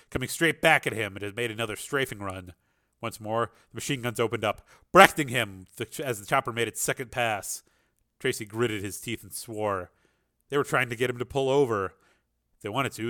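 A man's voice: fairly low pitch, sharp tone. A man reading an action novel aloud as a dramatic, intense narrator. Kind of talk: dramatic audiobook-style narration.

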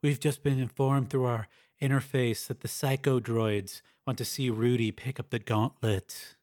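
A man's voice: mid-range voice, steady tone, measured pace, darkish tone, dry recording, clean studio sound, natural voice. A man reading a story aloud, voicing a male companion at a gaming table in a plain everyday voice. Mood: matter-of-fact.

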